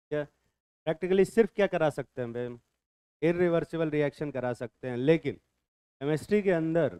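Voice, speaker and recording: A man's voice: mid-range voice, warm tone, clear, resonant tone, no echo. A male chemistry teacher, lecturing a class in a bantering way, quizzing students and answering his own questions.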